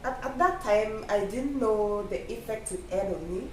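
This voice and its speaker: A woman's voice: mid-range voice, normal speed, a little mellow. Woman, Kenyan accent, casual personal chat, reflective, roomy sound, faint noise. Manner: reflective, often adds "you know". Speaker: vlog guest. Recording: echoey room, distant mic, faint noise.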